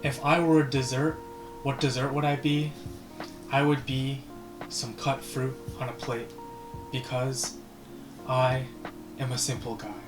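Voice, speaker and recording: A man's voice: medium pitch, little pitch movement, unhurried, long pauses. A man in his twenties hosting a casual student vlog, plain-spoken and easygoing. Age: 20s. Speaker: host. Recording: roomy sound over background music.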